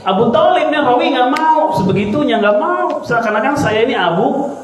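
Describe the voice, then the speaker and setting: A man with a high, light voice leads a religious study lesson, firing questions at his listeners and answering them himself. His voice booms around a big hall with a long, ringing reverb. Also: animated, normal speed. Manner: quizzes the audience with repeated rhetorical questions. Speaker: Islamic teacher.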